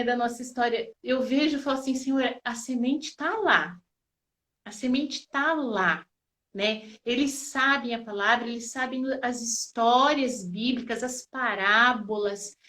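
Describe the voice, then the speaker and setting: High-voiced mother telling stories. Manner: lively storyteller, laughs often, voice rising with emotion. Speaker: mother and guest. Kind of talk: casual testimony in an interview.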